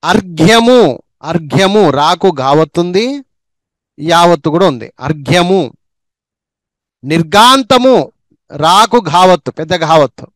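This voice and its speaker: A man teaching reading who says each word slowly two or three times and adds quick asides on how to practise. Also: high voice, lively intonation, dry recording. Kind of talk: slow spelling and pronunciation drill.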